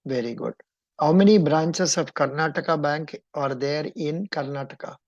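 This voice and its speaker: A woman interview coach speaks in a low, mellow voice with a Kannada-influenced Indian English accent. She is encouraging yet probing, giving instructions as she goes, and the audio is dull and lo-fi. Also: normal speed, no room sound.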